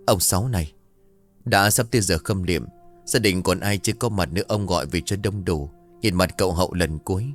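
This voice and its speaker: Man doing a formal funeral monk, solemn, low, measured. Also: faint music behind, lightly acted. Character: calm elderly Buddhist monk leading a funeral.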